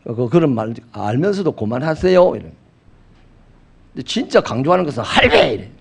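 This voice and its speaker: A middle-aged male pastor, preaching a sermon with animated storytelling. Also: medium pitch, a little fast, vocal fry, slightly rough. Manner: animated storytelling with acted quotes.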